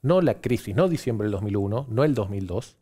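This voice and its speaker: Guest analyst, male, Argentine, lowish mellow voice, fluent and listing points. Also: animated, brisk. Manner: fluent, lists points one after another. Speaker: pollster guest. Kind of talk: political analysis on TV.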